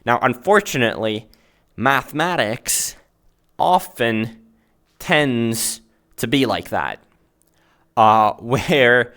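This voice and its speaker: A Finnish-native man hosts an informal math lesson in a virtual reality chat world, searching for words and often checking in with "right?". His voice is medium-pitched with a fairly bright tone.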